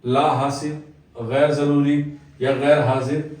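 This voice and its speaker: Echoey teacher talking off-mic. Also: male voice, a little high, level tone, slow, a little mellow, recorded from a distance. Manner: repeats "jo hai vo" filler constantly, explanatory. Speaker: Urdu exam coaching teacher. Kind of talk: exam answer-key lesson.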